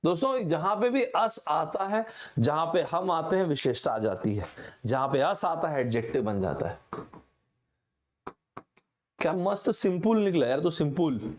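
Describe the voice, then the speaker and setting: Brief: young male online teacher, slightly higher-pitched voice, joking Hinglish lesson patter that keeps calling the viewers friends. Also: very animated, a little slow, long pauses. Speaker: online exam-prep teacher. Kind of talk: lively Hinglish vocabulary lesson.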